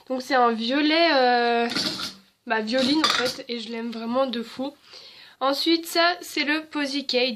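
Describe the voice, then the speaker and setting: A woman's voice: a little high, fairly bright tone. A young woman chatting casually as a beauty vlogger, with many fillers and restarts. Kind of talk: casual haul and swatch video.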